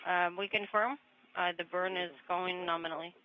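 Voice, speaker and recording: A woman's voice: lowish voice, steady tone. Woman calling readouts over crackly space radio. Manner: clipped, measured readouts with hesitant fillers. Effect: crackly space-to-ground radio loop. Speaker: mission control communicator. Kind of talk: procedural radio callouts. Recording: muffled lo-fi radio with faint hiss.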